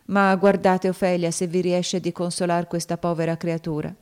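A woman voicing a grieving gentleman father who speaks in a brooding, emphatic way. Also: lowish voice, flat delivery, moderate pace, clean tone, lightly acted. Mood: grief.

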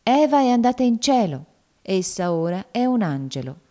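A woman voicing a kindly but firm grown woman who speaks softly and soothingly. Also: medium pitch, very animated, normal speed, voice pushed up, natural voice. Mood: tender comfort. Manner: soft, soothing, persuasive.

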